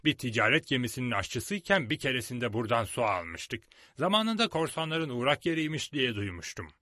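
A man reading a storybook aloud and voicing a scheming, smooth-talking one-legged pirate cook. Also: mid-range voice, sing-song, fairly quick, bright, forceful tone, no echo, studio quality. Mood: obliging. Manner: smooth-talking, coaxing, then coldly ruthless.

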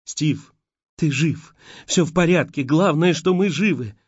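A man voicing a frightened young woman in a storm who pleads and shouts in desperation. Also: on the high side, unhurried, breathy edge, dry recording, voice pushed up. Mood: frantic. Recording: dull lo-fi audiobook recording.

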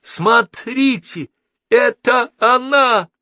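A man voicing a frightened woman who shouts a warning in high-pitched panic. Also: extremely slow, dry recording, clean studio sound, heavily acted. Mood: terrified. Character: frightened woman shrieking in alarm.

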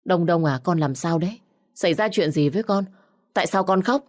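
A firm young mother, read by a woman with a low, steady voice. She speaks plainly and holds her ground. The reading stays close to the narrator's own voice. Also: fairly quick, natural voice. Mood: anxious. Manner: firm, then anxious toward her child.

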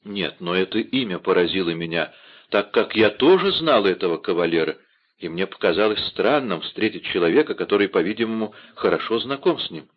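A cunning, scheming noblewoman, as a male audiobook reader puts her on. She speaks in a theatrical manner, pitched a little low. The recording sounds dull and lo-fi. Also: lively intonation, a little fast. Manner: theatrical audiobook dialogue reading.

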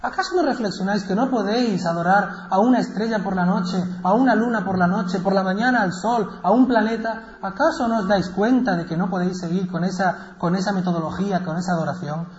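A man voicing an earnest male prophet who proclaims to a crowd in drawn-out, declaiming phrases. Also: sits high, close to an everyday voice. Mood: reproachful. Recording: echoey, dull lecture recording.

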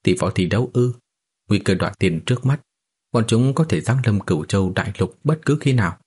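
A man's voice: on the low side, expressive, fairly quick, a little mellow, breathy edge. A man reading a haughty ancient immortal. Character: proud ancient male immortal beast, arrogant and scornful.

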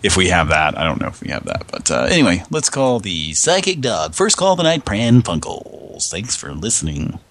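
A man hosting a casual radio show, hoarse with a scratchy throat, rambling and meandering as he talks. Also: low voice, huge pitch swings, moderate pace, hardly any pauses, a bit bright. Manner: rambling, meandering, chuckling often.

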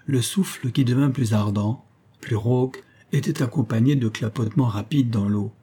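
A man reading an adventure novel aloud as an audiobook narrator, in steady, even storytelling. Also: mid-range voice, moderate pace, husky. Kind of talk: scripted narration.

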